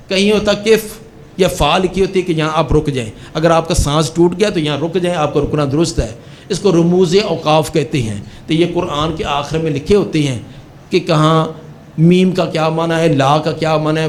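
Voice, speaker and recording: An older man preaching a sermon in a fairly high voice, telling a story and acting out its quoted dialogue. A faint hiss of background noise sits under the recording. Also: darkish tone. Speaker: Islamic preacher.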